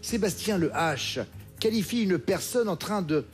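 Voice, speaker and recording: High-voiced man hosting a quiz. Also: expressive, soft background music. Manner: brisk, crisp question reading. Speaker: quiz show host. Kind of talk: TV game show hosting. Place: TV studio.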